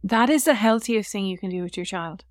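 A woman's voice: medium pitch, fairly quick, no room sound, studio quality. A woman co-hosting a casual parenting podcast, earnestly giving step-by-step advice and acting out what to say to a child.

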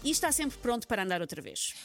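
A woman's voice: fairly high pitch, very animated, fast, a bit bright, faint music behind. A woman with a European Portuguese accent presenting casual comedic radio commentary in a playful, wry way. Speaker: radio humour segment presenter.

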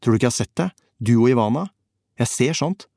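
A man's voice: medium pitch, animated, gravelly, mellow, no echo, studio quality, pitched above the performer's own voice. A male audiobook reader voicing a bitter young soldier who speaks bluntly, accuses and swears. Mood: accusing. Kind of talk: audiobook character voice.

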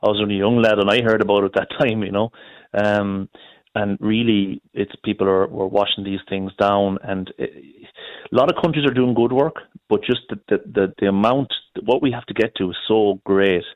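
A man's voice: fairly low pitch, steady tone, moderate pace, dry recording. A middle-aged man with a west of Ireland accent, talking informally and emphatically as a caller to a radio phone-in, often repeating himself. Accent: west of Ireland, Galway. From Galway, west of Ireland. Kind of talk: informal opinionated talk. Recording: dull, dry lo-fi call audio.

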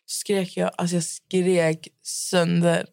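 A young woman co-hosting a podcast in casual chat, with short reactions and animated retellings. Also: lowish voice, creaky, no room sound, clean studio sound. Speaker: podcast co-host.

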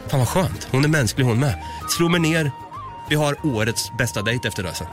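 A man's voice: medium pitch, lively intonation, over music. A man, co-hosting a podcast and telling a story in casual chat, acting out both sides of the exchange. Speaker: podcast co-host.

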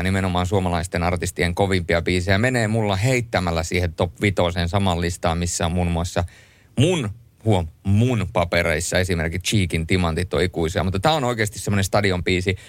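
A man hosting a late-night radio show in a studio, chatting and joking lively and reading listener messages aloud. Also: sits low, no echo. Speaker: radio host. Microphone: studio microphone.

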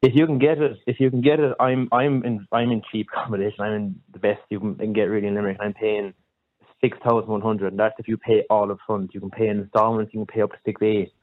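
A man's voice: on the low side, flat delivery, fast, dry recording. A young man with a West of Ireland Kerry accent, a student chatting casually as a radio caller, colloquial and repeating himself as he stumbles into sentences. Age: young adult. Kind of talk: casual radio phone-in chat. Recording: narrow phone-line sound.

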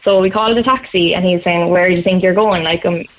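Quick-talking Cork Irish woman. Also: lowish voice, slight background noise. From Cork, Ireland. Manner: quick, animated, laughs through the story. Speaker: guest storyteller. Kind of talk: casual storytelling on radio. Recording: slightly dull radio sound.

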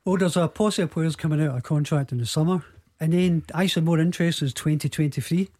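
A man on a radio sports panel thinks aloud about players and contracts. His voice sits a bit high for a man. He muses more than he argues. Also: quick pace, darkish tone. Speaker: football journalist on a panel.

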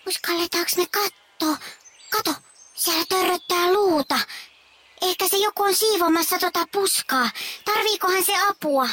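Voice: very high-pitched, sharp tone, a little hiss or hum. An actor voicing a chatty little boy squirrel in a children's audio story, eager and rambling. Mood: excited. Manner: eager, rambling, full of fillers.

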